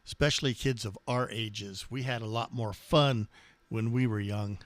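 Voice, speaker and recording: A man's voice: fairly low pitch, moderate pace, dry recording. A man chatting casually and hesitantly on amateur radio, rambling in a laid-back way. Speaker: amateur radio operator and live streamer.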